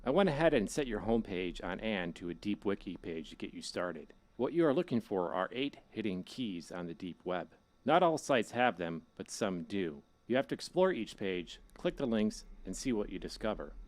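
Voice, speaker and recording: A man's voice: fairly low pitch, sing-song, normal speed. A man playing a casual, ominous hacker guide who narrates a horror game tutorial in a wry, instructional way. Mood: instructive, casual.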